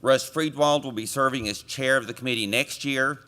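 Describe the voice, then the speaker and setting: A man chairing a committee, delivering a conference report from a podium microphone with relaxed joking asides to the audience. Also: medium pitch, moderate pace. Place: conference meeting room.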